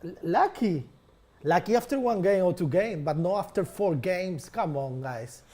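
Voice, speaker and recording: A man on a football watch-along panel who speaks halting English and often asks for things to be repeated. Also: sits high, expressive, mellow. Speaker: guest panelist. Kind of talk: casual football chat.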